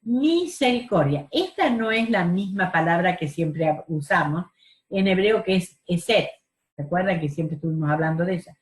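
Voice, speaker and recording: A woman's voice: fairly low pitch, animated, moderate pace, echoey room. A woman teaching a Bible study class over a video call, earnest, stressing key words and asking rhetorical questions.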